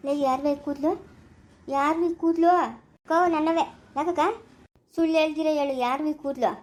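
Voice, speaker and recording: Brief: a woman doing a sharp-tongued village busybody, high voice, loud scolding. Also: fairly even intonation, fairly quick, lightly acted.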